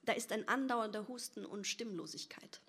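A woman's voice: medium pitch, moderate pace, fairly bright tone, breathy edge. A woman voicing a stern, proper middle-aged father who speaks formally and hisses impatient rebukes. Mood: stiff, formal.

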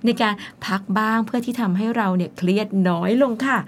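A woman's voice: mid-range voice, quick pace. A woman hosting a bilingual lesson, chatty and explanatory, often acting out small examples with exclamations. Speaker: host translating into Thai. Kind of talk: bilingual radio English lesson.

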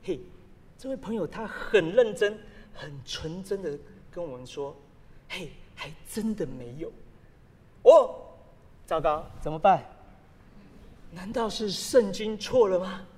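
A man preaching a sermon as a pastor, telling stories with sudden loud exclamations. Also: high-pitched, animated, a little slow. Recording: long hall reverb.

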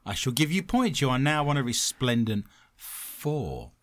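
A man hosting a paranormal show, narrating ghost stories dramatically and dropping into hushed tones, with some banter. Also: medium pitch, sing-song, measured pace. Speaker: host of a paranormal quiz show. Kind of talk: scripted ghost-story narration mixed with banter.

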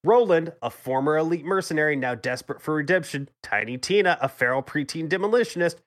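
A man's voice: on the high side, expressive, quick pace. A man co-hosting a gaming podcast, reading a movie synopsis aloud in casual chat with wry, dismayed groans. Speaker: podcast co-host.

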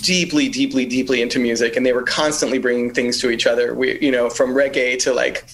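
A man's voice: mid-range voice, level tone, a little fast, creaky, fairly bright tone, low-quality recording. A man in his fifties, a guest musician in a casual conversation, talking reflectively and rambling with lots of fillers. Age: 50s.

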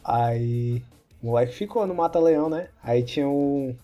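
A man's voice: mid-range voice, normal speed, muffled recording, faint music behind. A young Brazilian man on a podcast, casually telling school stories with lots of slang and swearing, laughing as he goes. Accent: Brazilian Portuguese. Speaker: podcast co-host. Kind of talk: casual storytelling chat.

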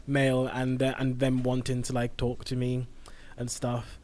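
A man's voice: mid-range voice, monotone, a little slow, a little mellow, no room sound. A young man with a modern Received Pronunciation southern English accent, speaking in a well-spoken way in a casual podcast discussion. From southern England. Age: young adult. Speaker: medical student on a podcast.

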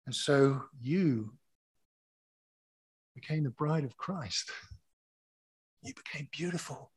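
Male preacher, sermon delivery, unhurried and emphatic, breathy husky tone. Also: a little high, darkish tone. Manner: emphatic, repeating key phrases.

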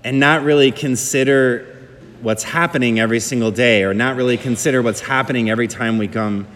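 A priest giving a homily at Mass, reflective and conversational, with hedging fillers. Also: male voice, medium pitch, steady tone, a little fast, a bit bright. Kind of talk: Gospel reading and homily at Mass. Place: church. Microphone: microphone that cut out. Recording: long church reverb.

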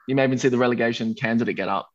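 A man co-hosting a casual football podcast, easygoing and quick to laugh along. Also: mid-range voice. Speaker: podcast co-host. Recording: dull lo-fi audio.

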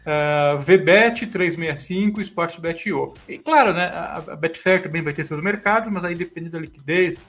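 High-voiced Brazilian man hosting a podcast. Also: moderate pace, hardly any pauses, a bit bright. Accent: Brazilian Portuguese. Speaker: podcast host. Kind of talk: casual betting podcast talk.

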